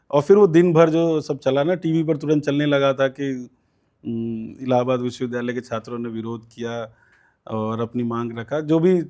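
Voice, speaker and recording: Mellow-voiced man from recounting. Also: medium pitch. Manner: recounts events at length with many fillers and quoted voices. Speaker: student politician guest. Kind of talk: conversational storytelling interview.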